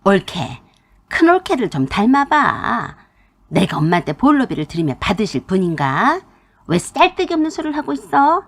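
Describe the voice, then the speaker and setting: A woman's voice: fairly high pitch, vocal fry, full character voice. A woman voicing a bossy, scolding middle-aged sister-in-law in a narrated family story, domineering and nagging.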